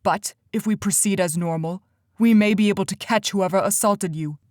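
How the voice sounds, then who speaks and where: A woman voicing a stern, cold male council leader who talks in a sharp, commanding way, in an audiobook. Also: medium pitch, normal speed, dry recording, clean studio sound, natural voice. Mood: tired.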